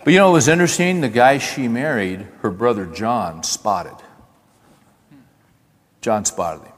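An older man preaching in a folksy, animated way, breaking into acted-out exchanges and direct asides to the room. His voice sits in a middling register and carries a long hall reverb behind it. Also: medium pitch, unhurried. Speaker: pastor. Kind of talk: sermon.

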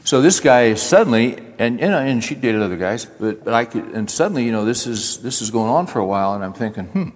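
A man's voice: medium pitch, a little fast, few pauses. Older preacher man in a reverberant hall. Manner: folksy, animated preaching with asides and acted dialogue. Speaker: pastor. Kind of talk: sermon.

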